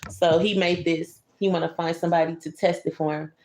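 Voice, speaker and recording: A woman with a lowish, level, slightly mellow voice reads a bit quickly in a roomy space with faint background noise. She's sharing a bedtime picture book with a child, pausing for relaxed asides about the pictures and remarks to her young listener.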